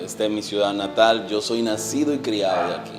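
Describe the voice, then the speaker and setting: A Dominican evangelist in his forties, speaking Dominican Spanish in a lowish male voice, gives his testimony in an interview as a guest. He is earnest and hesitant, with frequent pauses and fillers, and trails off softly.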